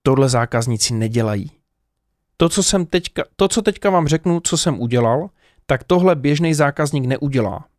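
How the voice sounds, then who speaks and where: A man telling a personal story in a casual, animated way, with many hesitations and direct asides to the viewers. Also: fairly high pitch, no echo, clean studio sound.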